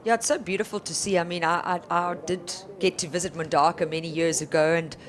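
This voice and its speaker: A woman's voice: lowish voice, steady tone, a little fast. A woman co-commentating on a surf contest with conversational, colloquial and appreciative analysis.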